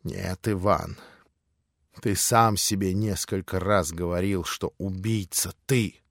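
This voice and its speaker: A gentle, devout young man, as a male narrator plays him speaks quietly and deliberately. He is earnest and shaken, his voice low and careful. The reading is recorded dry and close. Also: steady tone, creaky, no room sound, exaggerated voice. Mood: hushed earnest.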